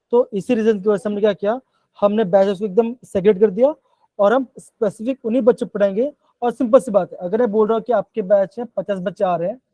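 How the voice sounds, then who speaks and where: A man leads a live online chemistry class and keeps checking in with his students in a coaxing way. His voice is mellow and darker in tone, and it sounds dry and close, as if through a call mic. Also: high-pitched, no echo, poor audio. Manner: coaxing, repeats "bachchon" and "theek hai". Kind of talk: live online class in Hindi-English mix.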